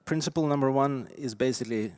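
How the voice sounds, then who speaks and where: A man in his forties with a Norwegian accent delivers a conference keynote from the stage. His voice sits at an average pitch and sounds dry and close, with little room around it. He talks emphatically, punching key words and dropping in fillers as he goes. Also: fast talker, no room sound. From Norway. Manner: lively, emphatic, with frequent fillers. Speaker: keynote speaker.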